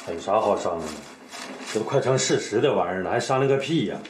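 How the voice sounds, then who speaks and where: An actor with a Northeastern Mandarin accent playing a reluctant, grumbling village husband. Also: male voice, lowish voice, animated, fast, slight background noise, lightly acted.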